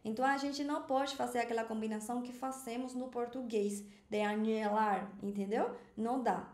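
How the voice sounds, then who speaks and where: A woman teaching Spanish pronunciation in a chatty, animated way, often checking in with the learner. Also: fairly high pitch, brisk, reverberant. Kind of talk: video language lesson.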